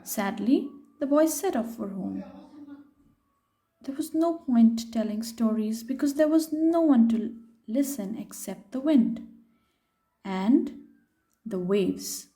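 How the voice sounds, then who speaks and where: A woman with a slightly high voice reads aloud from a picture book for children. Her delivery is lively and unhurried, and she stops along the way to put questions to her listeners.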